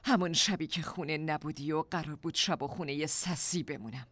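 An actress voicing an angry teenage girl in a dubbed drama, bitter and rising to shouting. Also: low-pitched. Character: angry teenage girl confronting her mother.

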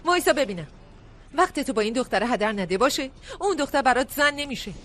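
Sharp-tongued scolding mother. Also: high voice, expressive. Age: middle-aged. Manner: scolding, sighing. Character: sharp-tongued middle-aged woman, her son's mother. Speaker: restaurant owner. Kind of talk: dubbed drama acting.

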